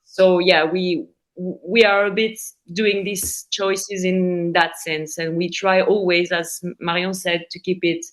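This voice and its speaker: A woman's voice: on the low side, little pitch movement, slow, poor audio. A woman with a French accent, a gallery co-founder explaining her work in a casual interview, earnest and often repeating words. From France.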